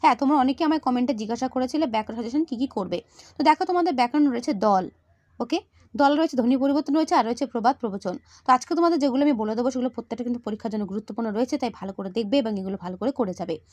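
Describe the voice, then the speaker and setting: Woman, video-lesson teacher; brisk, direct delivery to students, slightly high, close dry sound. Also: a little mellow, no echo. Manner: direct, addresses students, repeats "thik ache". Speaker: teacher giving exam tips.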